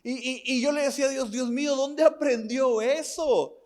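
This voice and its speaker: A man's voice: very high voice, fairly even intonation, normal speed, darkish tone. A male pastor giving a sermon in an earnest style, repeating phrases, asking the congregation direct questions, and weaving in stories about his family. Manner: mixes personal family stories into preaching.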